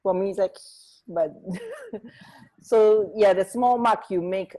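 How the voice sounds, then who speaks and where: On a low-quality recording, a female radio co-host from Singapore speaks slowly in a medium-pitched, dark-toned voice. She swaps trivia in casual banter, chatty and giggly with some hesitation.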